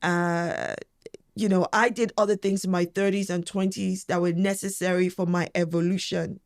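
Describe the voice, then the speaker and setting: A woman's voice: on the low side, level tone, moderate pace. A woman in her forties speaking as an interview guest, talking candidly in an emphatic, outspoken and forthright way. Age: 40s.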